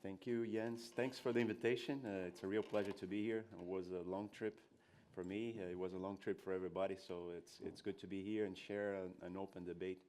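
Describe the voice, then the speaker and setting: A man from Brazil presents at a conference in a low voice. He has a cold that leaves his nose stuffy. His delivery is polite and measured, with hesitations as he finds his words. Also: fairly even intonation, a little mellow, slight background noise. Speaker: communications director giving a presentation. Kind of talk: prepared conference talk, spoken off the cuff.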